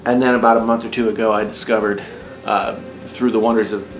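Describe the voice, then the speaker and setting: A tech YouTuber in his forties hosts an unboxing vlog from a room at home, talking straight to viewers in a wry, chatty, casual way. His fairly low voice is flat and brisk, and the recording has a roomy echo with faint music.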